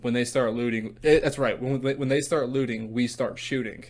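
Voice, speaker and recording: A man's voice: mid-range voice, steady tone, normal speed, a little mellow. A man co-hosting a casual podcast, blunt and profane, laughing often. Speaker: podcast co-host. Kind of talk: casual chat over drinks.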